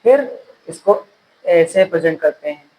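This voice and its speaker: A male teacher giving a classroom lecture, repeating key phrases slowly so students can write them down. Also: fairly high pitch, warm tone, rough recording.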